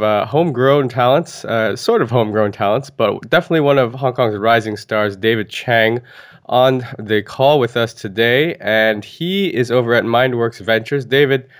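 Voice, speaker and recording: Man hosting a business podcast. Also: medium pitch. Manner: hesitant, restarts words when ad-libbing. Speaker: podcast host.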